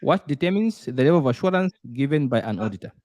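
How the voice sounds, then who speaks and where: A man tutoring a student, explaining concepts step by step with examples, repeating himself and pausing on "uh". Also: mid-range voice, lively intonation, a little mellow, dry recording. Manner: repeats points, frequent "uh" fillers. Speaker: auditing tutor quizzing a student. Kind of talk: explanatory lesson with worked examples.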